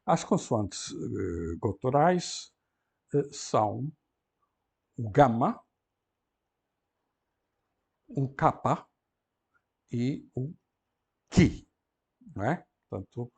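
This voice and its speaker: Slow, gravelly male Greek teacher. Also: medium pitch, very animated. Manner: slow and deliberate, frequent "não é?" tag questions. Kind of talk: university lecture.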